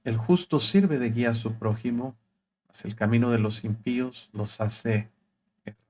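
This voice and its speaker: A low-voiced man preaching a sermon as pastor on a live broadcast. He reads scripture and acts out quoted thoughts with rising emphasis. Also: a little mellow.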